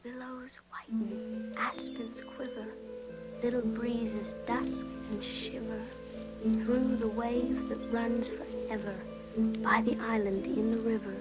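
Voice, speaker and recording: A woman's voice: fairly high pitch, fairly even intonation, takes it slowly, loud music behind the voice, low-quality recording. An actress playing an imaginative orphan girl who speaks earnestly in formal, wordy phrases. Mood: reciting softly.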